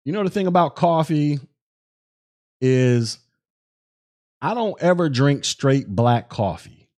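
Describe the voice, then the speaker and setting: A young man hosting a solo podcast, talking in animated, slang-heavy commentary full of restarts and repeated words. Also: on the high side, slow pace. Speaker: podcast host.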